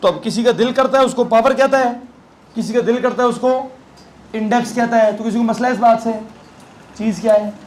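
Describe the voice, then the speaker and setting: Male physics teacher, Pakistani Urdu accent, high voice, chatty, quizzes his class with playful asides, faint room ambience. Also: fairly quick, darkish tone, slight background noise. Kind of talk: classroom lecture.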